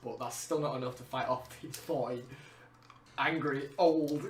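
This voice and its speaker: A man's voice: medium pitch, fairly even intonation, normal speed, a bit bright, slight background noise. A man narrating a comedy tabletop game as game master, loose and playful. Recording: echoey room, far off the mic.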